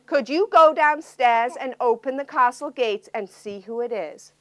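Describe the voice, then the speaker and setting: A stern, kindly old king from a storybook, slow and measured in his speech, as a woman reads him aloud. He stays in a fairly high register, close and dry. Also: a bit bright. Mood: concerned.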